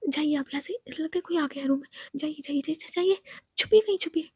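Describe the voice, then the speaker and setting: A woman's voice: sits high, fairly even intonation, quick pace, no echo, clean studio sound, natural voice. A woman voicing a flustered, talkative young woman who frets and protests in an audio story.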